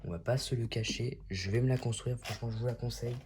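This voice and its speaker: A man's voice: mid-range voice, quick pace, background noise. A man hosting a casual unboxing vlog, talking in a chatty and enthusiastic way. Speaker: YouTube host.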